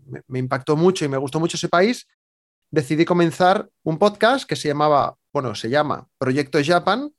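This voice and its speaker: A man with a Spain Spanish accent, a podcaster guest chatting casually in an interview, with many fillers and restarts. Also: a little high.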